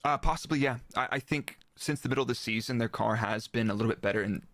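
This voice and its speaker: Fast and a touch bright, this medium-pitched male voice comes through with no echo. The speaker, an ex-F1 performance engineer guesting on a live interview, offers laid-back technical racing analysis, explaining things informally and leaning on quoted comments.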